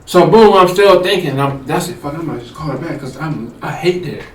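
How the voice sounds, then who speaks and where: A man's voice: on the high side, brisk, faint music behind. A young man, co-host of a casual chat show, telling a story and acting out the dialogue. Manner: animated, acts out quoted dialogue. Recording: echoey room, mic at a distance.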